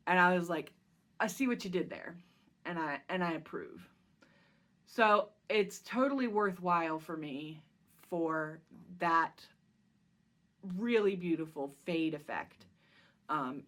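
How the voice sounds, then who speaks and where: A woman with a slightly low voice talks through her stitching projects in a loose, rambling show-and-tell. She fills the gaps with ums and restarts her sentences as she goes, like a relaxed chat at home. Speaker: cross-stitch vlog host.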